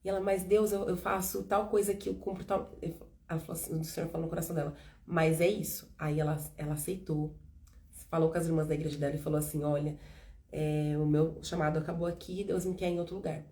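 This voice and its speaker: A woman's voice: low voice, fast talker. A woman in her thirties from São Paulo with a Brazilian accent, hosting a casual faith testimony chat and acting out the dialogue as she tells it. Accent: São Paulo Brazilian Portuguese. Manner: animated storytelling, acting out dialogue. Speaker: host.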